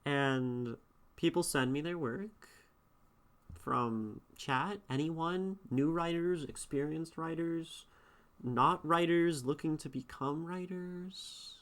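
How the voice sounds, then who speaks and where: Speaking slowly in a low-sitting voice, a woman streamer and poetry critic reads her chat aloud and replies casually. Her answers ramble thoughtfully, with many restarts.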